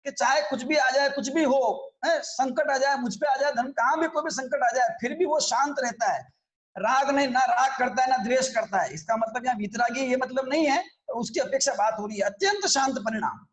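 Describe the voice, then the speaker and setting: A man's voice: extremely high pitch, brisk, fairly bright tone, reverberant. A man teaching a religious scripture class, explaining in a conversational way and often checking that his listeners follow.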